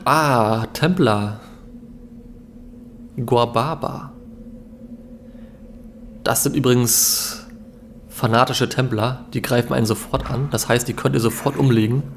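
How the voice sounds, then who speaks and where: A man's voice: mid-range voice, moderate pace. Young man, casual game commentary, faint noise. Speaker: let's player. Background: game ambience.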